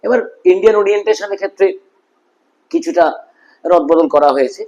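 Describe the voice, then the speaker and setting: A man with a Bengali accent teaching English pronunciation, repeating each word slowly and often checking that his listeners follow. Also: sits high, a little mellow, poor audio. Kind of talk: phonetics lesson explaining sounds and symbols.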